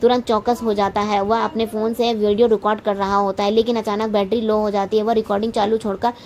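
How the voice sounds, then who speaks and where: Female recap narrator for a TV serial, monotone, stumbles and restarts often. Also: medium pitch, fast, slight background noise. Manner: frequent restarts and self-corrections.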